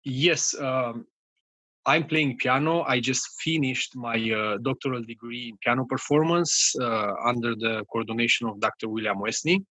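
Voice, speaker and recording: A man in his thirties from Romania with a Romanian accent, a pianist giving halting interview answers full of fillers and restarts. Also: mid-range voice, steady tone, sharp tone, no room sound, low-quality recording. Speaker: guest pianist.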